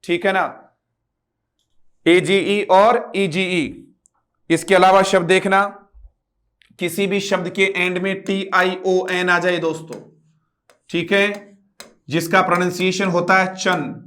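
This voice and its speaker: In an online class lecture, a man with a high, flat, unhurried voice and a sharp tone teaches English. He spells words letter by letter and has students repeat them, repeating words himself and quizzing listeners with rhetorical questions.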